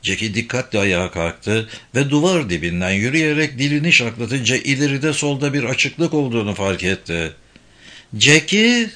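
Male audiobook narrator, bright timbre, measured suspenseful read. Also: medium pitch, expressive.

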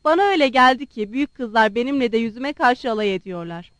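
Woman reading as frank young sister, brisk, chiding, high bright pitch, dry sound. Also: lively intonation, dry recording. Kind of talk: audiobook character reading.

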